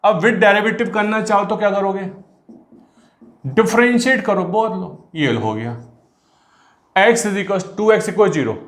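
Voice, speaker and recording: High-voiced man teaching math. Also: slow pace, long pauses, a bit bright, echoey room. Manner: mixes Hindi and English, addresses students as beta, talks while writing. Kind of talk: online class lecture.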